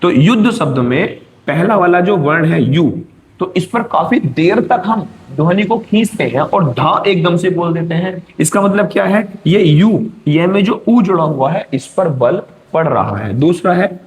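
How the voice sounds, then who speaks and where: A male teacher giving an exam-prep grammar lesson, explaining step by step and checking in with his students. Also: on the high side.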